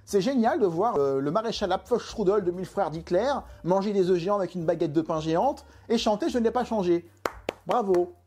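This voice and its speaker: A man's voice: high voice, lively intonation, brisk, few pauses, darkish tone. A man reviewing a film in an exasperated, emphatic way, full of rhetorical questions. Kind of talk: opinionated video film review.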